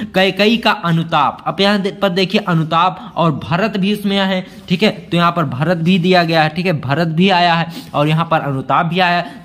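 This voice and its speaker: A male teacher walking students through exam questions, calling them friends and saying "theek hai" often, reading verse lines slowly. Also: high voice, a bit bright. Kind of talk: exam-prep lesson walkthrough.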